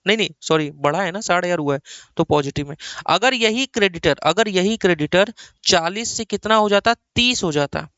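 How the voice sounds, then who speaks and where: A man's voice: high-pitched, lively intonation, normal speed, pushed and bright, clean tone, no echo, highs cut off. A man from India teaching accounting in a classroom-style lecture, coaxing and repeating points for his students.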